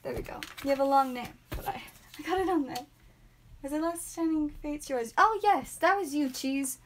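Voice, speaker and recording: High-voiced young woman chatting brightly. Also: moderate pace, a little hiss or hum. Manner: chatty, upbeat, names each card aloud, bursts of excitement at good pulls. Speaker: live stream host opening card packs. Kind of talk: casual live-stream chat. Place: small home room with a desk.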